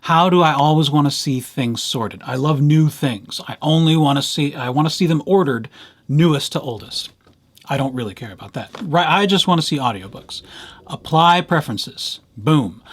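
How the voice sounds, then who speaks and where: His voice sits fairly high as he narrates a casual screencast tutorial aimed at library users. The man moves step by step in a playful, chatty way, adding small asides along the way.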